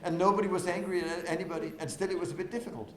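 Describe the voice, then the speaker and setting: A man giving a lively conference talk to an audience, who keeps asking them questions and swings from loud to soft on purpose. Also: high voice, very fast, a crowd in the background. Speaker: conference speaker. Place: windowless conference hall. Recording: echoey hall with faint noise.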